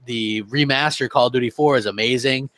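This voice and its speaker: A man co-hosting a casual gaming podcast chat, animated and fond of mimicking others. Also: medium pitch, brisk, no echo. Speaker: co-host.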